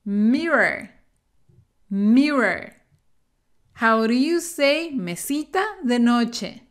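A woman teaching English vocabulary to Spanish speakers, saying each word slowly and carefully and then repeating it. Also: on the high side, expressive. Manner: slow, careful word-by-word pronunciation drills. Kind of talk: bilingual vocabulary lesson.

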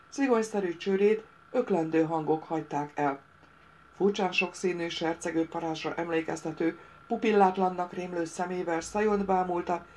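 A woman reading a fantasy audiobook in a steady, measured manner. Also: fairly low pitch. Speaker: audiobook reader. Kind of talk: audiobook narration.

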